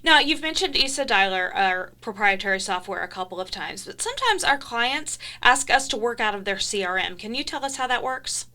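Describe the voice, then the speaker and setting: A woman's voice: a little high, animated, brisk, hardly any pauses, bright, forceful tone. A woman interviewer hosts a corporate training video, asking questions and summing up in a conversational way. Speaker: interviewer, host.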